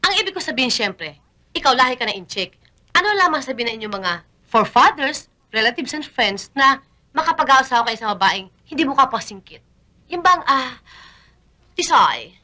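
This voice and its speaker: Theatrical, scolding neighborhood diva, bright high voice. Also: female voice, sing-song, moderate pace, heavily acted. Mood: coy. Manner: mixes English into Tagalog, theatrical and scolding. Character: vain, sassy neighborhood woman.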